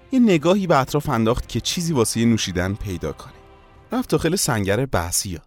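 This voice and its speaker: A man narrating a memorial war story in a slow, solemn storytelling manner. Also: mid-range voice.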